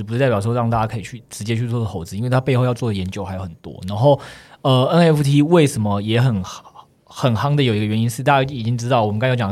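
Male podcast host, Taiwanese Mandarin accent, fast, mid-range voice, explains like a teacher. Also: medium pitch, a little mellow. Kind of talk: casual explanatory chat.

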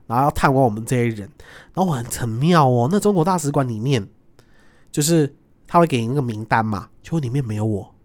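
A young adult man, a guest, telling stories in a lively casual chat and acting out the voices of people in them. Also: medium pitch. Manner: animated, quick, acts out voices in his stories.

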